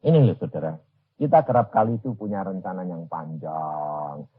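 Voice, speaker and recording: A man with a Javanese-influenced Indonesian accent preaching a storytelling sermon, humorous and animated, acting out dialogue. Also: low-pitched, normal speed, husky, phone-quality sound. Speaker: evangelist preacher.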